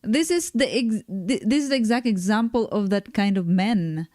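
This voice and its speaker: A woman with a mellow mid-range voice reacts to a panel video on a live stream, recorded with clean studio sound and no room noise. She comes across as exasperated and critical, stopping and restarting as she comments.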